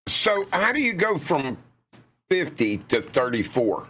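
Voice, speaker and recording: A man's voice: fairly high pitch, sing-song, unhurried, pushed and bright, husky. A man co-hosting a podcast, chatting casually and teasing his partner with dry jokes. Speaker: podcast co-host. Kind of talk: casual chat.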